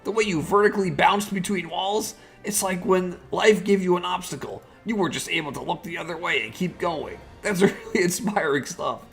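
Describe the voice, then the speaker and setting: A man puts on a starstruck, excitable gamer fan from a video game. He gushes in a raised, creak-edged voice with music playing behind him. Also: a little high, a little slow, hardly any pauses, full character voice. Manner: starstruck, gushing. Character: starstruck young gamer fan, excitable Let's Player character. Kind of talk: reading game dialogue aloud in character.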